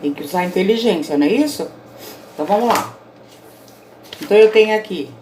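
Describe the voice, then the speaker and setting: A woman's voice: mid-range voice, expressive, a little fast. Woman teacher self-recording a lesson at home, patient, keeps asking if students follow, bit of hiss. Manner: explaining patiently, often checking in with students. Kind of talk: recorded online grammar lesson.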